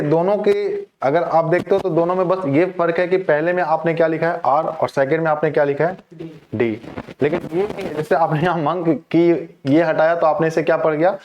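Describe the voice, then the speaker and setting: A man teaching a class, his voice sitting a little high for a man. He asks a question, waits, then answers it himself in a patient, steady classroom manner. The recording is muffled and lo-fi. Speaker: English teacher. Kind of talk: classroom lecture.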